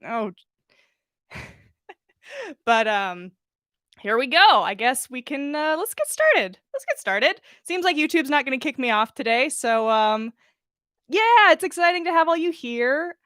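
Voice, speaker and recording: Very animated and high-pitched, this woman talks at a measured pace with long pauses and a fairly bright tone, without echo. She's a podcast host on a livestream, informal and prone to giggles and casual cursing, reading fan fiction aloud near a mic with a pop filter.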